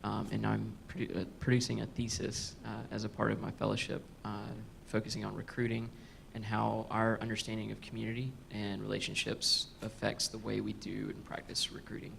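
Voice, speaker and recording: A man's voice: lowish voice, completely flat delivery, fairly quick, gravelly, few pauses, fairly bright tone, a little hiss or hum. A man introducing himself on a panel, loose and joking. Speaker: panelist, fellow.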